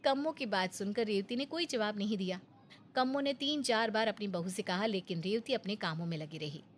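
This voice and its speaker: A woman narrating a storybook tale in a steady, plain manner. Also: mid-range voice, fairly quick, a little hiss or hum.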